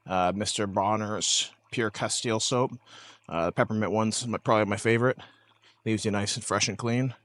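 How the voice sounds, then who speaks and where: A man vlogging casually from a lakeside campsite, talking in a relaxed, rambling way with lots of hesitations. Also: fairly low pitch, no echo, studio quality. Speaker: camping vlogger. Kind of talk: casual outdoor vlog.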